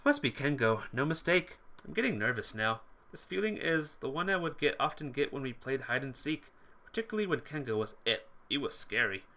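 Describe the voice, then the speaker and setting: A man dramatises the text of a visual novel as he reads it, occasionally tripping over words and rereading them. He speaks a little fast in a sharp, animated, medium-pitched voice, with game music playing behind him.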